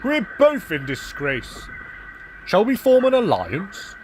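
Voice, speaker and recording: A man's voice: sits high, huge pitch swings, slow pace, noisy background, voice pushed up, exaggerated voice. A man voicing a big, proud male express engine in a storybook, speaking grandly with a chortle.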